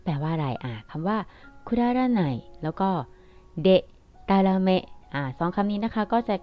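A young woman from Thailand teaching a casual online language lesson, chatty, explaining slowly with fillers and repeating her example sentences. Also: medium pitch, lively intonation. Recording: dull lo-fi audio with faint music.

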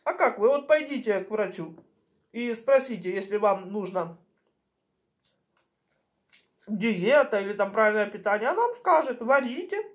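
A middle-aged woman chatting casually in short phrases with pauses as she eats, chewing while she talks, recorded in a home kitchen. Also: mid-range voice, lively intonation. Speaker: mukbang vlogger. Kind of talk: casual chat while eating. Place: small home kitchen, indoors. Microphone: camera on the table at arm's length.

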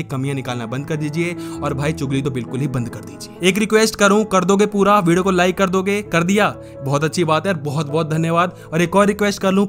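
Chatty high-voiced man giving advice. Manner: chatty, addresses viewer as brother, mimics people. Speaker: self-help YouTuber. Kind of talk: casual Hindi advice talk to camera.

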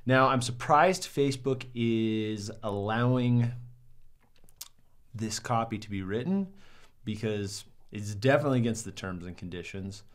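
Seated at a desk in a small studio, a young man reviews marketing by casually critiquing ads to the camera. He's upbeat and full of "um"s and "right?", with a lowish voice and a measured pace.

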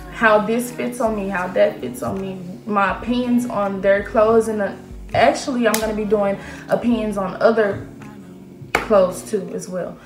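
A nineteen-year-old woman who hopes to become a model answers questions to camera in a casual Q&A vlog, sounding self-assured and using lots of fillers. Her voice is medium-pitched and reverberant, recorded in a small indoor room.

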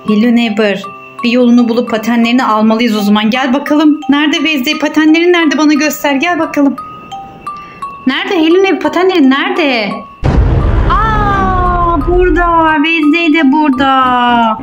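High-voiced mother narrating toy play. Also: moderate pace. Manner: animated, urging, bossy calls to hurry. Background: music.

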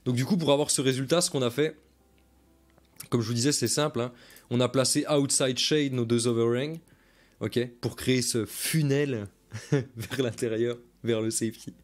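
Casual coach breaking down film. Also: male voice, mid-range voice, steady tone, moderate pace. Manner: casual and chatty, explains by repeating his points, reads viewer comments. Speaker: football coach. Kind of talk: live stream breakdown of game film.

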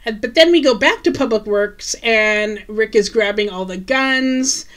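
A woman's voice: fairly high pitch, a bit bright. Chatty woman podcast co-host. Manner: chatty, recounts scenes with quick asides and laughs. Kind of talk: casual chat recapping a TV episode.

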